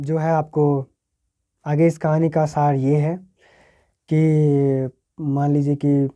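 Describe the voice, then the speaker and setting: A male teacher with a Bihari accent, his voice on the high side, walks board exam students through a story. He acts out its quoted lines, swinging between loud and soft.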